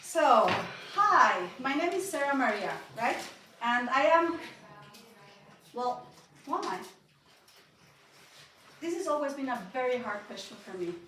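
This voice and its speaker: A young woman from Mexico and Austria, whose native language is Spanish, reads a personal talk aloud at a building inauguration, nervous, shaky and breaking into small laughs. Her high voice is very animated, pushed and bright, measured in pace with frequent pauses. The echoey hall adds slight background noise, and she's far from the mic.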